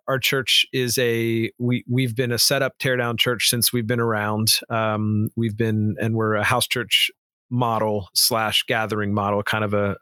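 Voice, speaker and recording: A house church pastor talking loosely on a podcast, circling back and restarting his sentences. His voice sits at a middle pitch. The recording is dry and close. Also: no room sound. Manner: rambling, restarts, warm enthusiasm, says dude and man. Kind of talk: casual conversational podcast.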